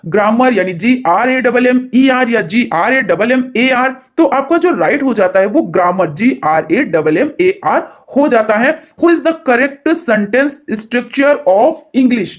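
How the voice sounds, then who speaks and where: A man teaching an exam-prep lesson, reading English questions slowly and explaining the answers quickly in Hindi. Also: very high-pitched, lively intonation, lo-fi sound.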